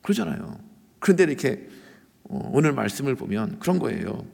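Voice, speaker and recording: A man preaches in a church sanctuary, his gravelly voice rising and falling across a wide melodic range. He moves between fervent, loud passages and quiet, hushed remarks. Long reverb from the large hall trails after his words. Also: mid-range voice, big pitch swings, a little fast. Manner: impassioned, swings between loud cries and hushed asides. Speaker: pastor. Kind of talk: sermon.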